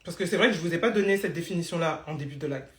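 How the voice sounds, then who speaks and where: A woman's voice: fairly low pitch, racing, reverberant. A woman coaching beauty entrepreneurs in a live stream, blunt and teasing, tossing in English phrases.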